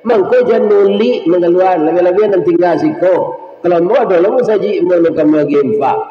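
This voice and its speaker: Lively Minangkabau preacher, echoey hall. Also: male voice, sits high, brisk. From West Sumatra. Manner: lively storytelling that jokes and talks directly to the congregation. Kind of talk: humorous sermon. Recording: dull lo-fi sound, echoey hall.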